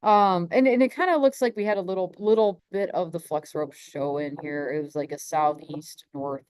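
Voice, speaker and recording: A woman's voice: fairly low pitch, steady tone, moderate pace, darkish tone, clean tone, no echo. Rambling woman space weather host. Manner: rambling, many restarts and laughs. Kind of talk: casual live stream chat.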